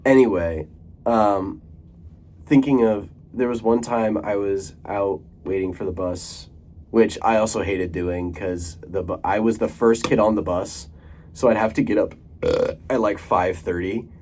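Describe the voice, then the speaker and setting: A man's voice: fairly low pitch, a little slow, darkish tone, slight background noise. A young man talking casually to camera in a rambling monologue, full of fillers, restarts and casual swearing. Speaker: vlogger.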